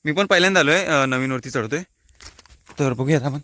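This vlogger from Konkan, India, speaks Marathi with a Konkani lilt, holding his phone outdoors on a hilltop by a water tank and casually explaining local terms to viewers. His voice sits a little high, moving fairly quickly with a sharp edge.

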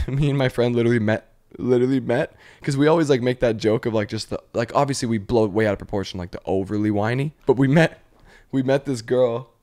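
Man, podcast host, mid-pitched voice, casual comedy chat, animated storytelling, lots of "like" and "literally". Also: fairly quick. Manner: animated storytelling, heavy use of "like" and "literally", laughing often.

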